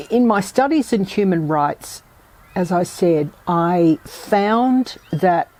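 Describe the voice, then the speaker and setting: Woman, podcast host, croaky gravelly voice, slow unhurried delivery, thoughtful. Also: on the low side, mellow. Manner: measured, thoughtful, with pauses and restarts. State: croaky, recovering from a virus. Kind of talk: reflective solo podcast talk.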